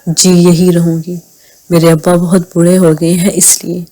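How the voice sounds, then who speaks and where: Woman reading a tender, gentle mother. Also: lowish voice, completely flat delivery, natural voice.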